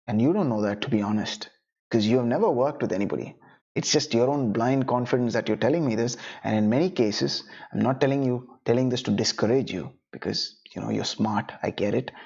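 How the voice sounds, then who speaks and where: Speaking to camera in an informal online class for freelancers, this young Tamil-speaking man has a medium-pitched voice that's slightly mellow and a bit rough. The recording sounds lo-fi. His chatty delivery is packed with "you know" and "right?" tag questions.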